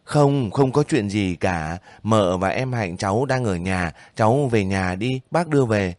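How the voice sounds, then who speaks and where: A man's voice: fairly low pitch, expressive, unhurried, a little mellow, no room sound. A man voicing a kindly older village woman who pleads and sobs over her nephew in a spoken story. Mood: choked. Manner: pleading, sobbing, fussing.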